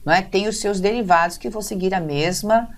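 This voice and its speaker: A woman's voice: medium pitch, a little fast. A woman with a Brazilian Portuguese accent teaching an online grammar lesson, explaining step by step and often checking in with her students.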